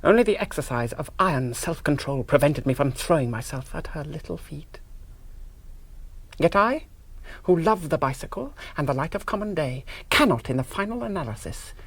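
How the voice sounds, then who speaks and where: A male actor with a somewhat high, breathy voice narrates a radio drama as an earnest, priggish young rationalist hero. He speaks in precise, fastidious literary phrases.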